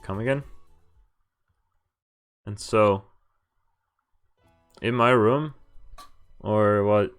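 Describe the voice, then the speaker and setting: Speaking extremely slowly with frequent pauses, a male game streamer reads visual novel text aloud over its music, stopping for wry, joking asides. His voice is on the low side with a clean tone.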